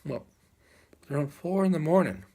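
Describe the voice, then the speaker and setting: A man telling a folk tale aloud as a live storyteller, unhurried, with dramatic pauses and repeated phrases. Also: fairly high pitch, mellow.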